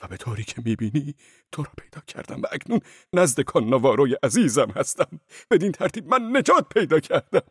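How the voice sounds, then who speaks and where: An actor playing a frantic, fervent fugitive monk in an audiobook drama, swinging between cries and hushed whispers. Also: male voice, fairly high pitch, big pitch swings, husky, dry recording, clean studio sound. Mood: fearful, hushed.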